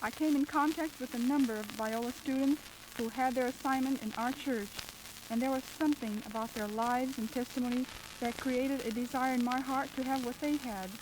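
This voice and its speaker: An earnest young woman from Russia answers radio interview questions in formal, measured sentences. Her voice is slightly high, and the old radio recording carries clear background noise. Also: steady tone. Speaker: Bible school student guest.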